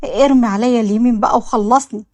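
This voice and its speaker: Woman voicing tearful young Egyptian wife, hurt, pleading, fairly high. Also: steady tone, fast talker, dry recording, close to an everyday voice.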